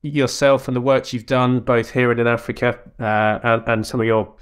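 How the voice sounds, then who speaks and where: A man hosting a theatre company podcast, reading a measured introduction and asking interview questions. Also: mid-range voice, little pitch movement, clean tone, no echo, clean studio sound. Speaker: podcast host, theatre director.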